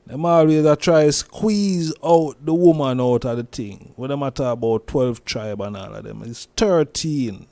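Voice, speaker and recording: A man with a Jamaican accent, talking through a casual commentary monologue as host, slowly, with many restarts and repeated words. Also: mid-range voice, mellow, no echo. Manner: slow, repetitive, with many restarts and "you see me?".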